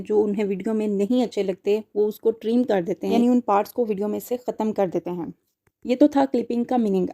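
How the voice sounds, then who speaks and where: A woman's voice: mid-range voice, dark tone. A woman teaching a language lesson to students, explaining step by step, restating each point and mixing in English terms. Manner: repeats and rephrases points step by step.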